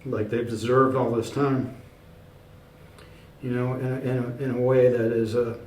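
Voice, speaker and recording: A man being interviewed about his own work, talking in a loose, rambling way full of fillers and restarts but sure of himself and emphatic. His voice is mid-pitched and mellow. He sits a little back from the mic in an echoey indoor room, with a faint hum of ambience behind him. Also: level tone, measured pace, distant mic. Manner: emphatic, self-assured. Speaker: author and researcher, interview guest. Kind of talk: casual in-person interview.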